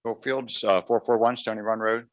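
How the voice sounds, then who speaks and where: A man's voice: fairly low pitch, fairly even intonation, normal speed, dry recording, studio quality. A man giving public comment at a township meeting, polite and plain-spoken.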